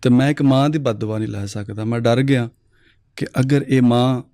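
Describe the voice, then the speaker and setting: On a talk show, a Pakistani man shares moral tales, animatedly voicing each character's lines himself. He speaks at normal speed in a mid-range voice, with clean studio sound and no room echo.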